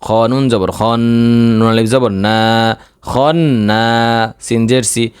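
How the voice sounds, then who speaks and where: A man teaching Quran reading in Bangla, spelling out the words letter by letter and drawing out the vowels slowly. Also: mid-range voice, fairly even intonation, clean tone, no echo, studio quality. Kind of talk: spelling out Quran recitation lesson.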